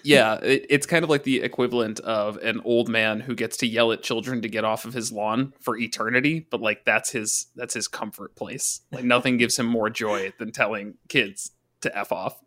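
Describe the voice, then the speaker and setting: A man co-hosting a podcast, explaining tabletop game lore casually and jokingly, often halting to correct himself. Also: medium pitch, steady tone, fairly bright tone. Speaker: podcast co-host.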